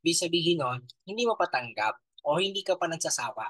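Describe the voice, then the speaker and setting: A man in his thirties with a Filipino accent gives an animated motivational talk to a live audience. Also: on the high side, quick pace, no echo, poor audio. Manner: animated, talks straight to the audience. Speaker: motivational speaker.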